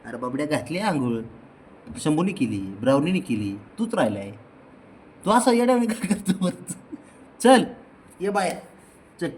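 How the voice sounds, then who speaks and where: Man, slightly high voice, coaxing and teasing his cat at home on a phone video, faint room noise behind. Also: sing-song, moderate pace, long pauses, a little mellow. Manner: coaxing, teasing, repeats calls. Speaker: cat owner filming his pets. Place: indoors at home.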